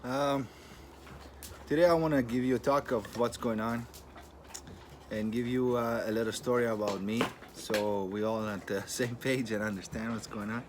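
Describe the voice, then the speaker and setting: A man in his thirties from Greece with a Greek accent, talking casually to camera as a channel host in plain-spoken, unhurried English with non-native phrasing. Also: mid-range voice, steady tone. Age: 30s. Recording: noisy with clicking sounds.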